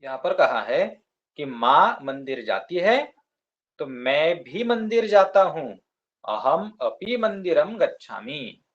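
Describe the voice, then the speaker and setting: Slow, patient male Sanskrit teacher. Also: on the high side, very animated, muffled recording. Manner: patient, spells words out slowly. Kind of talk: classroom explanation. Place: classroom with children.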